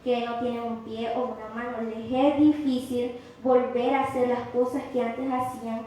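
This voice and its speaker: A woman with a high voice delivers an earnest, impassioned sermon. Her voice rings through a very echoey church hall. A faint hiss of noise sits under it. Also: steady tone, moderate pace. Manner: impassioned preaching, rising to loud cries when quoting. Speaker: preacher.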